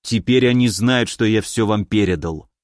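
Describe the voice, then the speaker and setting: A man's voice: lowish voice, moderate pace, no echo, voice pushed down, natural voice. A man voicing a frightened, nervous male spy turned monster, mumbling anxiously in an audiobook, with a dry sound.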